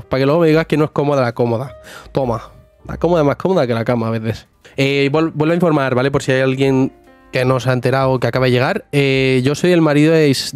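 Streaming a life-sim game live, a man with a mid-range, slightly mellow voice jokes around with viewers and talks to his character in casual gameplay chat.

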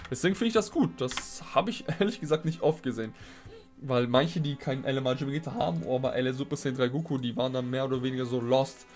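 A young man hosts a gaming video with music playing behind him. He sounds conversational and slangy, reasoning out loud at a middling pitch as he explains his choices. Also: fast talker. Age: young adult. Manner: thinking aloud, explanatory, slangy. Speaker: gaming video host rating viewers' game teams. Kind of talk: casual, conversational game commentary. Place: small indoor room at home. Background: background music.

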